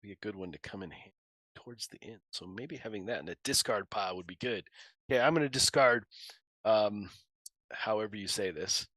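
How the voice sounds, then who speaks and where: A man playing a board game on a live stream, thinking out loud about his moves, joking and laughing easily. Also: on the low side, brisk, no echo. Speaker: guest player. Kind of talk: casual livestream chat while playing.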